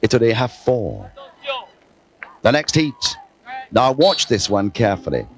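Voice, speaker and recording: A man commentating live on a team game show, excitable and playful, breaking into quoted verse. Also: medium pitch, unhurried. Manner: excitable, quoting verse, mock French asides. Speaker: TV sports commentator.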